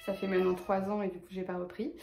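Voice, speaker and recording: A woman's voice: medium pitch, little pitch movement, fast, creaky, a little mellow, roomy sound. A woman with a lisp on her s sounds, talking casually and hesitantly in a personal vlog update. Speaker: vlogger.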